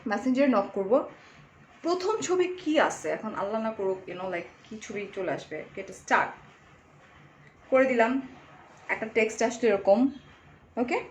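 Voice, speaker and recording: A woman, chatting casually on a live stream and selling clothes, slipping English into her talk, her voice going a little hoarse. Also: sits high. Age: 20s. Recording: echoey room, faint background noise.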